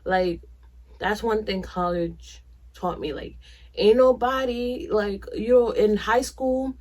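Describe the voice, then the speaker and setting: A young woman talks to her camera at home in a loose, candid way. She is blunt and chatty, leaning on slang and giving frank advice in a mid-pitched voice. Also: takes it slowly, a little mellow. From New York. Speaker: vlogger. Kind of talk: casual talk to camera.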